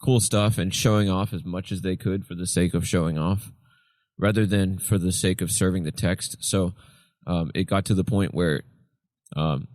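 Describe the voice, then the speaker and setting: A man with a very deep, tired voice talks through an explanation in a relaxed podcast chat. The sound is dry and close, with no room echo. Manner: explains at length, sings snippets of chant to illustrate. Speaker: podcast co-host. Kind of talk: casual chat.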